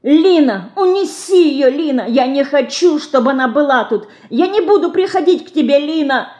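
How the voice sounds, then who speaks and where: Woman doing a shrill, tearful little girl. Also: unhurried, reverberant, lo-fi sound. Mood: pleading. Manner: shrill, crying out.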